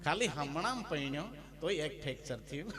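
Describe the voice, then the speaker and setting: A man's voice: fairly high pitch, expressive, fairly quick. A man with a Gujarati accent giving a devotional talk in a folksy, humorous storytelling manner, breaking into sung verses. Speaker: bhajan singer and spiritual storyteller. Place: devotional gathering with live music. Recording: music playing behind. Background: instrumental music.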